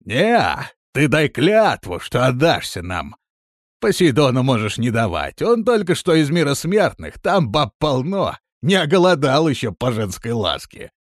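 A man's voice: medium pitch, big pitch swings, a little slow, no echo, studio quality, pitched above the performer's own voice. A man playing a crude, scheming leader. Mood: mocking. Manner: gruff, mocking, bossy.

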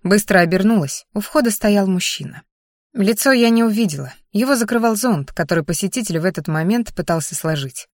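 A woman reading a first-person novel aloud as narrator, with a lively, ironic inner voice. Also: mid-range voice, fairly quick, no room sound, clean studio sound. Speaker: audiobook narrator.

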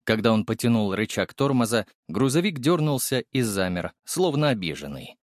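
A man narrating a first-person audiobook in an expressive, wry storytelling manner, close to the mic. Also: lowish voice, moderate pace, no room sound.

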